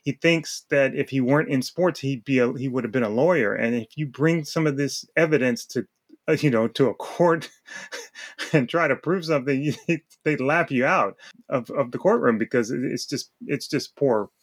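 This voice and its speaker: A man's voice: medium pitch, moderate pace, slightly rough. A man co-hosting a sports talk show, delivering an emphatic opinion rant with repeated words and short laughs. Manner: emphatic, repeats words while searching, laughs between points. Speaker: podcast co-host.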